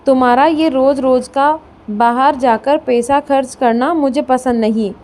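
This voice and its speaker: Woman doing a spoiled tearful young wife, storybook, slow delivery. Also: high-pitched, fairly even intonation, a little mellow. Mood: complaining. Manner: complaining, tearful.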